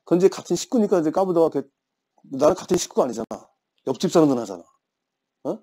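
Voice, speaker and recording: A man's voice: a little high, animated, quick pace, warm tone. A man in his fifties teaching an English grammar class, telling playful stories and teasing his students. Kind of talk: classroom lecture with chatty anecdotes.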